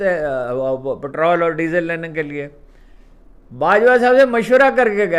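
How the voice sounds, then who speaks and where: A man's voice: high-pitched, fairly bright tone. A man delivering a political commentary monologue, emphatic, often repeating his points for stress.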